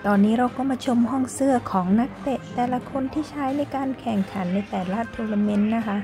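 Talking fast over music in a slightly high voice, a young vlog host gives a casual tour of an indoor football stadium museum. She guides viewers politely and chattily, frequently using soft sentence-end particles, and her English has a Thai accent when she moves into it.

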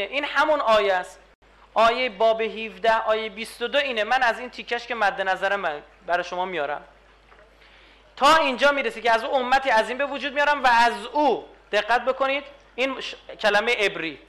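A man lectures on religious texts with a very high-pitched, bright, forceful voice. He presses his points hard and keeps throwing rhetorical questions at the room. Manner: emphatic, rhetorical questions to the audience. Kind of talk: religious lecture to a live audience.

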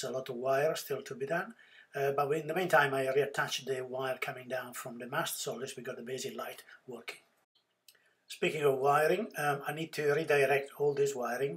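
Man narrating a boat refit, halting. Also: mid-range voice, fairly bright tone. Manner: halting, many fillers and restarts. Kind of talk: casual voice-over narration.

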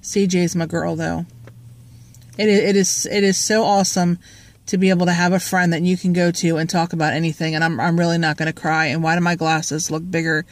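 Speaking briskly in a lowish, level voice, this vlogger chats from a parked car into a phone at arm's length. The talk is rambling and jokey with many fillers, and there's no room sound.

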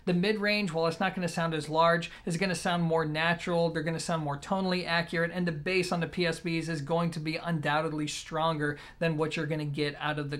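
A man in his thirties with a slightly high-pitched, a bit bright voice gives a casual product review of gear to camera, seated in an indoor room at home. He speaks conversationally and plainly, addressing his viewers directly like a regular host of his own channel.

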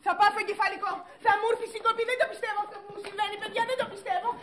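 A woman's voice: little pitch movement, noisy background. An actress playing a strict schoolteacher woman who is panicking and close to tears in a sitcom. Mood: frantic. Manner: frantic, shrill exclamations. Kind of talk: sitcom acting.

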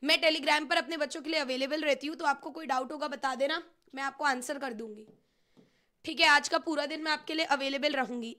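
A woman's voice: sits high, bright, forceful tone. A young woman teacher, running a live online revision class in a chatty, teasing way and slipping phrases into her talk.

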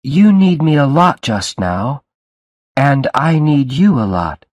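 A man putting on a soft-spoken young bride. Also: fairly high pitch, big pitch swings, slow, dry recording, muffled recording, pitched above the performer's own voice, exaggerated voice. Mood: tender. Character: anxious young woman, a gentle bride.

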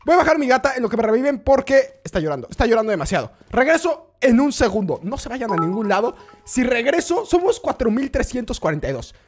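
A live gaming streamer commentating excitedly, often shrieking at the game and constantly talking to the chat. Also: medium pitch, fast talker, soft background music.

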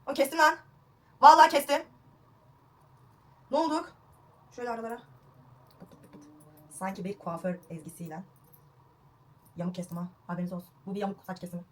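A woman's voice: mid-range voice, fast talker, long pauses, a little hiss or hum. A young woman vlogging a home haircut, chatty and self-mocking, recorded on a phone at home. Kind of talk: casual home haircut vlog. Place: at home indoors.

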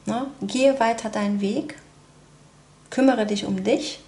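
A woman's voice: on the high side, takes it slowly, dark tone, reverberant. A woman giving a casual tarot card reading, talking chattily with many tag questions and fillers. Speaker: tarot reader.

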